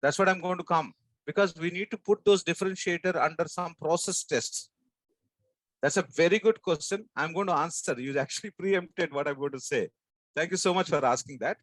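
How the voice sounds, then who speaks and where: A man of about sixty with a strong South Indian Telugu accent from Andhra, giving an emphatic training talk in short, deliberate phrases with rhetorical questions. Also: a little high, a bit bright, no echo, rough recording. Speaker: sales trainer and business coach. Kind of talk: motivational training talk to an audience.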